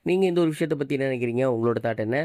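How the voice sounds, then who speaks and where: His smooth, slightly soft mid-range voice is recorded close and dry as he rattles through online gossip news commentary at a brisk clip. The man reads from a script and slips English words into his delivery.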